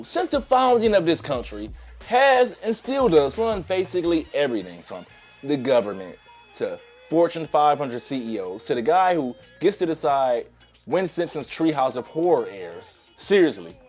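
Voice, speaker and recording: Ranting sarcastically at his audience, a commentary YouTuber presents an opinionated video essay while fighting a cold that's stealing his voice. The voice is medium-pitched and darkish.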